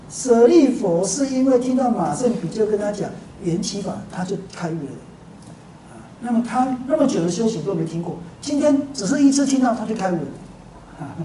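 A woman teaching a Buddhist dharma lecture, telling a story with frequent drawn-out fillers. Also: fairly high pitch, dark tone. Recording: roomy hall, distant mic, faint hiss.

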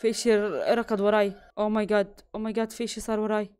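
A woman's voice: medium pitch, little pitch movement, a little fast, a little mellow, clear, resonant tone. A young woman, commentating a horror game, gasping and jumping between muttering and yelps. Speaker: gaming YouTuber.

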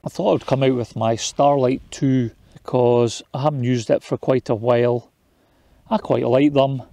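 A man in his forties talks to his camera from beside a small tent and from inside it. His manner is relaxed and matter-of-fact, an easygoing chat from someone used to camping out. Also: mid-range voice, normal speed, gravelly, no room sound. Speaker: outdoor vlogger. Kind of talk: casual camping vlog. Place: outdoors by a tent on moorland and inside a tent at night.

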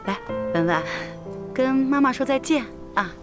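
A woman's voice: high-pitched, expressive, a little slow, loud music behind the voice. An actress playing a doting grandmother who coaxes and fusses over a small child in a TV drama. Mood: gentle. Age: older. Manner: coaxing, fussing. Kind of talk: TV drama acting.

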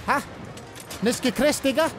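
High-voiced young male let's player, jumpy, repeats himself fast, game music behind. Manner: excitable, repeats words rapidly, mixes in English slang. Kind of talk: live gameplay commentary.

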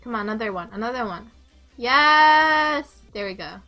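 A woman streaming a game live, excitable, laughing and swearing as she comments on each fight through her headset. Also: medium pitch, very fast, soft background music. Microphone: headset with headphones.

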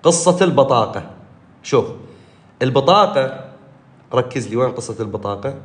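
A male teacher with an Iraqi Arabic accent, giving an exam review lesson and repeating key points with lively jumps in pitch. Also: normal speed, roomy sound. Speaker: English teacher.

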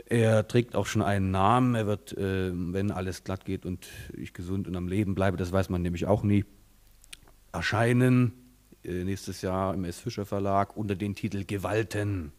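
A man's voice: low-pitched, fairly even intonation, normal speed, darkish tone. A young man speaking hesitantly at an award ceremony, with many fillers, at a lectern in a hotel ballroom. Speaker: author commissioned to write next year's text.

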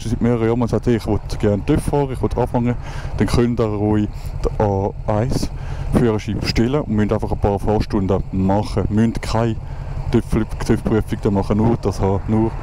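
Young swiss guy w/ swiss german accent, motovlog chatter from the helmet, loud road noise, lots of ums and restarts. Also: on the low side, poor audio. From Switzerland. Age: 20s. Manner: rambling, many restarts and fillers. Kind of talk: casual motovlog commentary while riding. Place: outdoors on a motorcycle in traffic. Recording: road and wind noise behind the voice.

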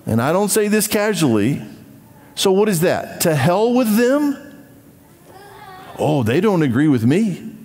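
A man preaching a church sermon as pastor, emphatic and animated, with offhand asides. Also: high voice, measured pace, long pauses, big-room sound. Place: church sanctuary.

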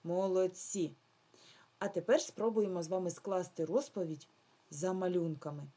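Female teacher for a recorded remote kids' lesson. Patient, draws words out, dark and slightly breathy tone. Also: lowish voice, fairly even intonation. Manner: slow, patient, drawn-out words for children. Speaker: primary school teacher. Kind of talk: remote lesson for young children.

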